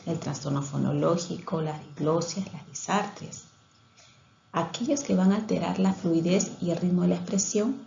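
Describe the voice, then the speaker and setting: A woman with a lowish, gravelly, mellow voice works through a lecture on speech therapy. She explains things methodically, often pausing to restart a phrase. The recording sounds roomy and slightly dull, with a faint hiss.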